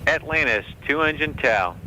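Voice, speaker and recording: A man's voice: fairly high pitch, lively intonation, moderate pace. A man making terse call-outs as a mission control communicator over a distant, crackly space-flight radio link. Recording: loud noisy radio loop.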